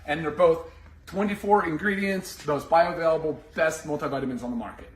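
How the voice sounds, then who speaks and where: A man's voice: fairly high pitch, a little fast. A man casually promoting products as their formulator, upbeat and emphatic in his praise. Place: indoor warehouse. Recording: echoey, noisy room, distant mic.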